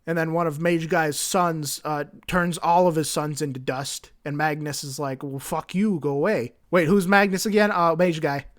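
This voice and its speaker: A man's voice: on the high side, moderate pace, few pauses. A man giving a rambling, flippant comedic summary of a story. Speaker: lore video creator.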